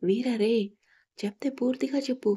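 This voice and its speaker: A curt, threatening young rowdy with a quick temper, as a woman storyteller reads him. The voice sits a little high, with a dark, husky tone. He speaks like a character in an audio storybook. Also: steady tone. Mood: gruff. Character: blunt hot-tempered young male rowdy.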